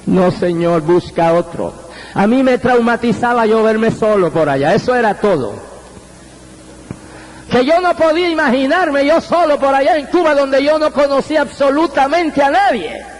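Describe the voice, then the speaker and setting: A man's voice: extremely high pitch, lively intonation, moderate pace, a little hiss or hum, low-quality recording. A man from Puerto Rico preaching a fervent sermon, telling his testimony with exclamations of praise at a convention. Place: convention hall.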